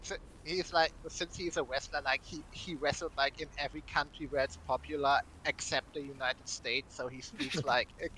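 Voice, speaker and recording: A man's voice: medium pitch, fairly even intonation, moderate pace, hardly any pauses, bright, forceful tone, slight background noise, rough recording. A man playing in a casual tabletop session, rambling through a story and giggling. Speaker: player. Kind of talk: casual tabletop game chat.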